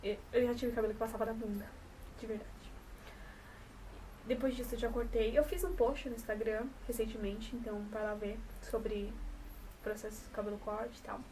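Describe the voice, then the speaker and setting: A woman's voice: a little high, flat delivery, moderate pace, dark tone. Young Brazilian woman vlogger, São Paulo coast accent, chatty and rambling, slightly distant mic with a faint room hum. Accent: São Paulo coast Brazilian Portuguese. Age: 20s. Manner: chatty, rambling, self-correcting. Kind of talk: casual to-camera vlog.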